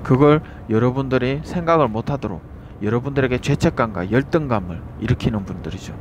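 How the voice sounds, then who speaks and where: A man's voice: medium pitch, fairly quick, a little hiss or hum. A man preaching a street sermon, earnest and repetitive, asking the crowd rhetorical questions.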